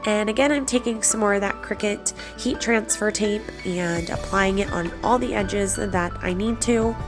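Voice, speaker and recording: A woman with a medium-pitched, breathy voice that sounds congested with a cold. She narrates a craft tutorial casually, with chatty, encouraging asides. Music plays behind her voice. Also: normal speed. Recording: background music under the voice.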